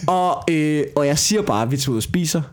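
A man's voice: fairly high pitch, animated, smooth. A young man, co-hosting a casual podcast chat, swearing freely and telling stories with animation. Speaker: podcast co-host.

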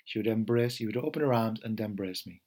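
This is a middle-aged meditation teacher speaking in a lowish voice on a podcast. His talk is gentle and unhurried, sprinkled with fillers and restarts.

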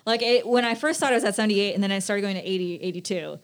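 Young woman podcast co-host, casual chat, animated storytelling with acted-out quotes. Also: mid-range voice, fast talker.

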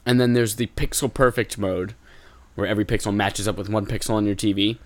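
A man's voice: on the low side, steady tone. A man co-hosting a podcast in casual, joking, sometimes crude talk. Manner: joking, crude, quick bursts. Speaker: podcast co-host. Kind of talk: casual chat.

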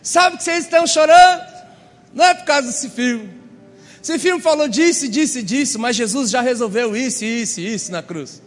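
High-voiced Brazilian pastor in a hall. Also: male voice, normal speed. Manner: animated, acts out quoted voices. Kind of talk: humorous sermon with storytelling. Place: church hall.

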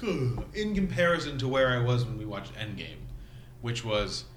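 Middle-aged man, casual chat, laughing, sharp bright tone, echoey room. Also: medium pitch, sing-song, normal speed, a little hiss or hum. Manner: laughing, mock-voicing others. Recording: roomy echo.

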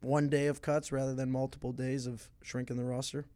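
A man asking quick questions and teasing his friends in a casual podcast chat. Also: medium pitch, level tone, dark tone, clear, resonant tone, no echo.

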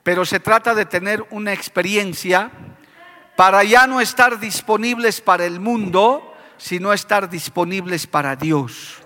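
High, bright-voiced fervent preacher man. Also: measured pace. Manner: fervent preaching with repeated "amado hermano". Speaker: pastor. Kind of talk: sermon. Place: church hall, broadcast on radio and TV. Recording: reverberant church hall.

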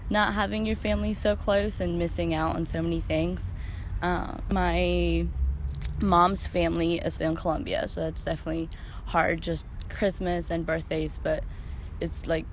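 Woman interviewee, earnest, slightly low voice, faint room noise. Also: flat delivery, normal speed.

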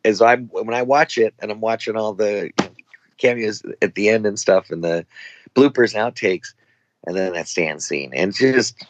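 Low-voiced man telling rambling anecdotes. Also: moderate pace, no echo, dull audio. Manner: rambling, acts out quoted dialogue. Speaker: actor guest. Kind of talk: casual anecdotal chat.

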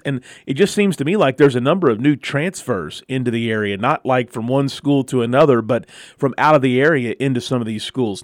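A man's voice: medium pitch, no echo, studio quality. An American man hosting a local sports talk radio show, moving between talk and sponsor reads.

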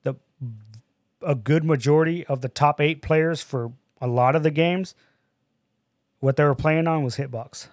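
A man's voice: a little high, unhurried, a little mellow, no echo, studio quality. A man chatting casually as a gaming podcast co-host, talking like a frat bro with plenty of bro, dude and blunt swearing. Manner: frat-bro slang, calls people bro and dude; profane, blunt.

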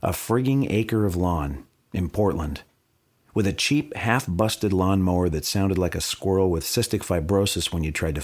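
A man with a fairly low voice reads his own comic memoir pieces aloud. His delivery is wry and blunt, and he drops profanity with ease. It comes across as first-person storytelling rather than chat. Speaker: memoir reader.

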